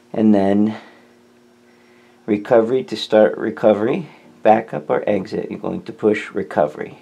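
A man hosts a tutorial, walking through steps in a casual, informal how-to style. His low-pitched voice is warm and husky with vocal fry.

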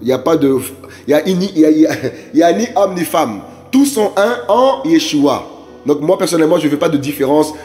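A man's voice: on the high side, animated, brisk, a little mellow, faint music behind. A man preaching an evangelistic sermon, emphatic and repetitive, often addressing listeners directly. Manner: emphatic, repetitive exhortations with frequent asides to listeners.

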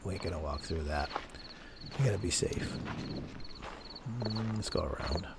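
A man casually narrating as he walks through an abandoned desert building at night, with a camera strapped to his chest, rambling slowly and correcting himself as he goes. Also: low voice, creaky, very noisy. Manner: slow, rambling, self-correcting. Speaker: urban explorer vlogger. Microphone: chest-mounted camera.

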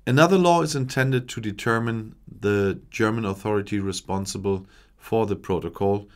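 A man in his forties reading political news from a script at a desk microphone in a small home studio, measured and steady with small slips. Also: on the low side. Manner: measured, reads long official passages with small slips. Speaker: news commentator. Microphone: desk microphone in front.

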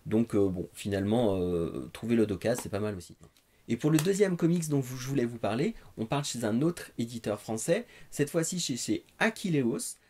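Relaxed review talk comes from a comics-recommendation host, a man in his thirties with a French accent, who speaks to the camera hesitantly and conversationally in front of living-room bookshelves. He has a medium pitch with lively intonation, a normal pace, and a dark, slightly rough tone.

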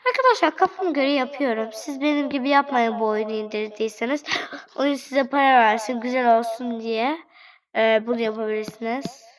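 A woman with a high-pitched voice gives let's-play gameplay commentary. She chats directly to her viewers in a playful, fussing way. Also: a little fast, low-quality recording. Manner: chatty, talks straight to viewers; playful, fretting over angry customers. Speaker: gaming channel host.

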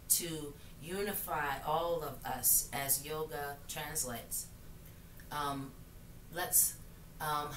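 Middle aged lady doing slow yoga instructions, soothing, mic way across a roomy space. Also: sits low, fairly even intonation, a bit bright. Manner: measured, soothing, with long pauses. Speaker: yoga teacher. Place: living room, seated on the floor. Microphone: camera mic across the room. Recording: roomy, noisy, distant microphone.

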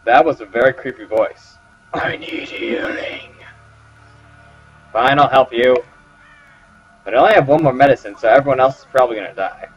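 Sarcastic man commentating a game, fast. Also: mid-range voice, a little hiss or hum. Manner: sarcastic, joking, role-playing his character. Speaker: gameplay commentator. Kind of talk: let's play commentary. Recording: slightly dull with game music.

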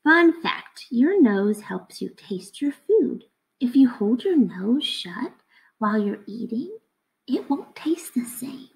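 Her voice a little high and gravelly, a woman in her thirties takes her time reading a picture book to children. She reads like a teacher, expressively and instructively, asking her listeners questions, on a low-quality recording.

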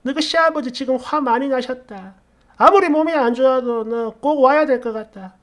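A man's voice: very high-pitched, moderate pace, a bit bright, voice pushed up. A man voicing a worried older mother-in-law who sighs and coaxes. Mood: anxious coaxing. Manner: sighing, coaxing, pleading. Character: fretting older woman, an anxious mother-in-law.

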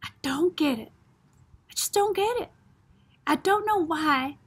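A woman's voice: high-pitched, expressive, normal speed. A woman reading the part of an earnest, secretive boy of about twelve, using drawling Southern small-town speech. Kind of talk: audiobook reading.

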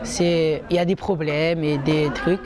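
At night in a courtyard, with crowd chatter behind him, a seventeen-year-old student from Morocco earnestly answers interview questions and repeats words. His voice is fairly high, with little pitch movement and an unhurried pace.

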